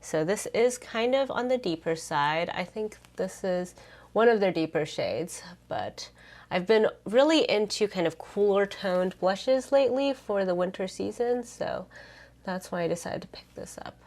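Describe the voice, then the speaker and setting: A woman's voice: medium pitch, lively intonation, a little slow, darkish tone. A woman giving casual makeup try-on commentary to viewers in a chirpy, upbeat beauty vlogger manner.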